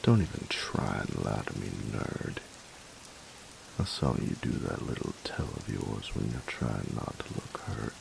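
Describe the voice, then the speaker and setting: Heavily acted, this intimate roleplay has a man voicing a gruff young bully boyfriend who sounds gruff and flustered, his extremely low voice full of heavy fry. He teases slowly with a tender undertone, faltering at the soft moments, over steady rain and noticeable hiss.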